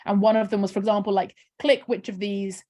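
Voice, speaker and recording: Here a charity campaigner gives a casual video call interview with a screen-share walkthrough, her speech full of "um" and "kind of." She speaks briskly in a medium-pitched voice whose tone is steady and warm.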